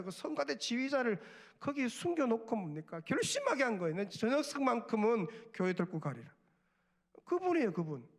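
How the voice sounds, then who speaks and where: A middle-aged man preaches from the pulpit in a high voice. His tone is earnest, and he drops to near-whispers before lifting into urgent exhortation. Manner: earnest preaching, swings from hushed murmurs to raised exhortation. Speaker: pastor. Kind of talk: sermon at a Friday prayer meeting.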